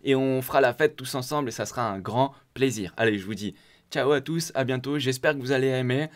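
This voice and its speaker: A man hosting a community channel, talking casually as he walks viewers through a software setup step by step. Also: mid-range voice, a little fast. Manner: chatty and informal, walking viewers through clicks step by step. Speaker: host of a crypto community channel. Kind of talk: casual screen-share tutorial.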